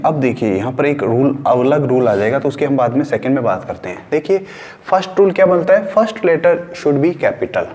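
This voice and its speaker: A man's voice: medium pitch, a little mellow, slight background noise. A man from India teaching a science class, repeating key words and asking and answering his own questions as he writes on a board. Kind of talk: class lecture mixing Hindi and English. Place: room with a board.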